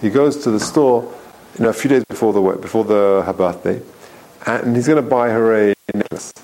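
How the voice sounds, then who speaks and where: A man teaching a Torah class, reading Hebrew phrases slowly and explaining them with emphatic questions and a long story. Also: lowish voice, a little mellow, low-quality recording.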